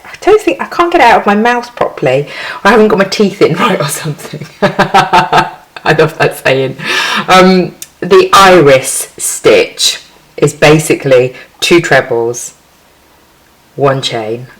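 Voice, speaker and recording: A woman's voice: deep voice, rough recording. A woman hosting a casual crochet tutorial, chatty and giggly, counting stitches aloud as she works.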